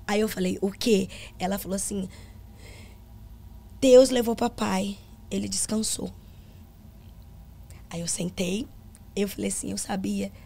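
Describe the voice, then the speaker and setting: A woman's voice: medium pitch, level tone, moderate pace, vocal fry, pauses often, darkish tone, slightly rough. A middle-aged woman, a gospel singer and pastor, telling a personal testimony on a podcast in an earnest storytelling manner and acting out the dialogue.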